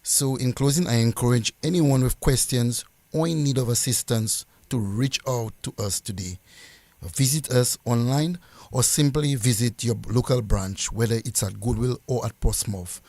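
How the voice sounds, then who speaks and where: A man's voice: medium pitch, moderate pace, a little mellow, no echo. A man speaking as a company representative, giving formal, earnest closing remarks to listeners with some emphatic repetition. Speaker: credit union representative.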